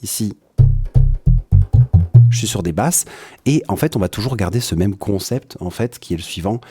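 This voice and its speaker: A man with a French accent giving a relaxed, hesitant live-stream tutorial on his music setup from his home studio. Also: fairly low pitch, normal speed. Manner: explanatory, with frequent hesitations and "hop" interjections.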